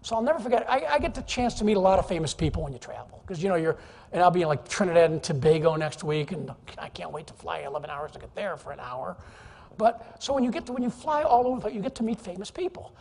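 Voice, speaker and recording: Husky, lively male keynote speaker. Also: sits high, quick pace. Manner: animated, jokey, teases the audience. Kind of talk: energetic, humorous business presentation. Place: large conference hall, live audience. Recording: reverberant conference hall.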